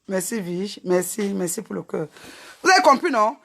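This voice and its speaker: A woman doing joking live-stream banter on a phone, loud and laughing, often breaking into shouts. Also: medium pitch, sing-song, moderate pace, creaky, a crowd in the background.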